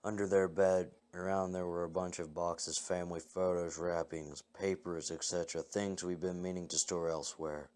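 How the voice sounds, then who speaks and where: A man reading first-person scary stories aloud as a narrator, in a calm, measured way. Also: deep voice, clear, resonant tone. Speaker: story narrator. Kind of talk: scripted horror story reading.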